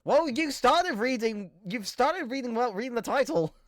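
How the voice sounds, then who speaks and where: A man's voice: very high-pitched, lively intonation, moderate pace, a bit bright, no echo. A man hosting a live group reading over voice chat on a headset, teasing and swearing freely. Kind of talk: casual banter among friends.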